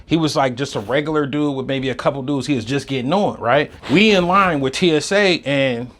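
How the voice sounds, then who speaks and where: A man hosting a podcast, telling a comedic story and swinging between low muttering and loud outbursts. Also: fairly quick, slight background noise. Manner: fills his talk with "you know what I'm saying" and "right".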